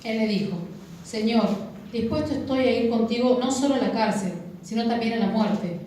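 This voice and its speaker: A woman reading scripture aloud to a congregation in a measured, deliberate way. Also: on the high side, dark tone, a little hiss or hum. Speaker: scripture reader. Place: church hall. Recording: echoey church hall, from far off.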